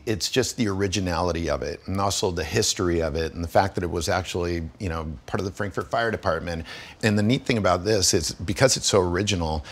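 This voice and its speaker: Garage owner, man, forties, low voice, easygoing and eager, casual interview in a workshop. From Guatemala. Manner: enthusiastic, friendly, lots of fillers. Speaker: garage owner, vintage bus restorer. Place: large indoor garage full of old buses.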